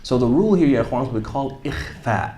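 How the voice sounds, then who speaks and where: An animated male teacher runs a hands-on recitation class. He demonstrates each sound himself, poses questions to the room and keeps the students engaged. His voice sits at a middling pitch. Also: brisk, echoey room, slight background noise. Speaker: tajweed teacher. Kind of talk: classroom tajweed workshop.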